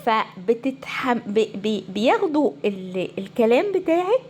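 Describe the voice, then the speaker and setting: A woman family counselor with an Egyptian Arabic accent, giving a casual, animated talk to viewers. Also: a little high, measured pace, breathy edge. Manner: animated, conversational, acts out quoted voices.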